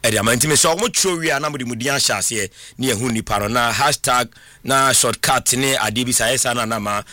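A Ghanaian man hosting a radio sports show, his voice bright and a little tense, with no room sound. He drops in short murmurs of agreement while his guest talks. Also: medium pitch, quick pace, no echo, clean studio sound. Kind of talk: casual sports talk.

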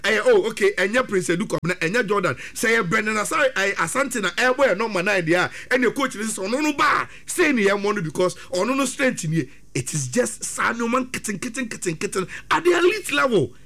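Switching between Twi and English, a Ghanaian-accented football pundit talks the game with great animation. His delivery is fast and excitable, surging into quick, high-pitched bursts.

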